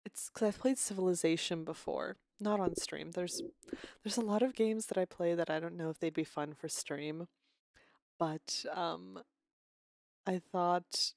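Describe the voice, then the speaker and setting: A woman's voice: fairly low pitch, darkish tone, no room sound, studio quality. A woman streamer chatting casually with her viewers, rambling and restarting her sentences, a little unwell with a cough.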